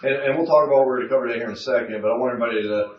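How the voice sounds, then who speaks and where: A man's voice: medium pitch, racing. Folksy joking man presenting in a roomy hall. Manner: folksy, self-deprecating and joking. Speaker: workshop presenter. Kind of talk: casual seminar talk with audience interaction. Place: conference room. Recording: roomy, dull, from a distance.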